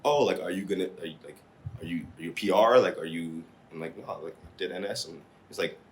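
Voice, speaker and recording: A man's voice: sits low, fast, a little hiss or hum. A young man with an American accent, chatting casually as a guest at a dining table at home. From Singapore and the US. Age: young adult. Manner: relaxed storytelling, laughs often. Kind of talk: casual chat.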